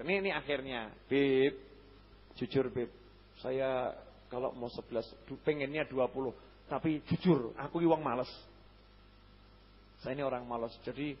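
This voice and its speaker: Male preacher, high-pitched, playful lecture; lo-fi reverberant hall. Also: slightly rough. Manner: jokey, swings from loud exhortation to low asides. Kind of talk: lively religious lecture. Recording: dull lo-fi hall recording.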